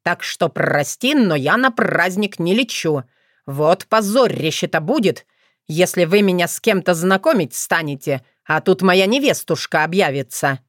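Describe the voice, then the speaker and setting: A woman voicing a sulky, wry young male crow in a storybook reading, a bit lower and slower than her narration. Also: animated, dry recording, clean studio sound. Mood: sullen.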